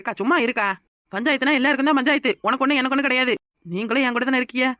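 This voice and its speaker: A woman voicing an outspoken young village woman in a cartoon, with a southern Tamil Nadu rural accent, who shouts and scolds. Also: sits high, steady tone, racing, no room sound. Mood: outraged. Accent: southern Tamil Nadu rural dialect. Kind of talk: cartoon voice acting.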